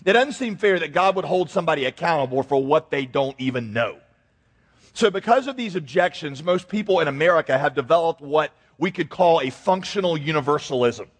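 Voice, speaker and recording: A man preaching a sermon as pastor, telling stories and acting out voices in an animated way. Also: on the high side, brisk, husky. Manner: animated storytelling with acted-out voices. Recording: echoey hall.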